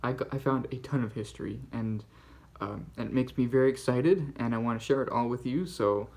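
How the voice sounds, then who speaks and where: A Canadian man hosts a relaxed book channel, chatting through his finds. His voice sits at an ordinary middle pitch, and his delivery is halting and rambling, full of small restarts. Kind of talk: casual book-haul vlog.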